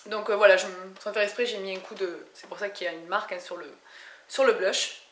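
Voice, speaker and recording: A woman from France talks casually through her beauty haul at a middle pitch, full of hesitations and restarted phrases. Her voice sounds roomy and echoey, as if recorded in an untreated room at home. A faint noise sits behind her. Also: fairly even intonation, brisk. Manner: chatty, many hesitations and restarts. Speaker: beauty vlogger. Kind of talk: casual haul video chat.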